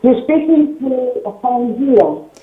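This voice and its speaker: An older woman calling in to a talk show on a bad phone connection that keeps breaking up. She speaks in halting, broken-off phrases with many pauses. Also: high voice, animated. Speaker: caller. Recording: dull, echoey, breaking-up phone line.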